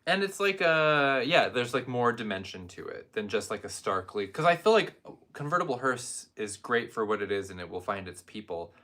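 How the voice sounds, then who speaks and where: A man's voice: mid-range voice, very animated, normal speed, pushed and bright. A man co-hosting a casual perfume review, rambling with wry jokes and asides. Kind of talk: casual chat.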